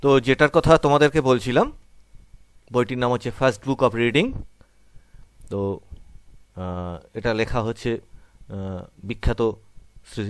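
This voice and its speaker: A man's voice: mid-range voice, dry recording. A man whose first language is Bengali, teaching English in an online class and explaining step by step. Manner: explains step by step, checks in with "right?".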